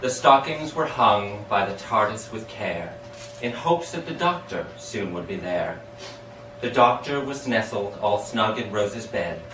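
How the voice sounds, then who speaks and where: An amateur poet, a man, reads his own storytelling verse in a theatrical, sing-song rhyming style, his pitch swooping dramatically up and down. He's some distance from the mic in an echoey room, with background hiss audible.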